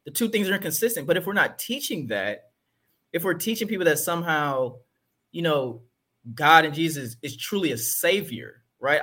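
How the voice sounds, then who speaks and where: A man's voice: fairly high pitch, a bit bright. A man talking earnestly and emphatically about faith and the church in a casual discussion.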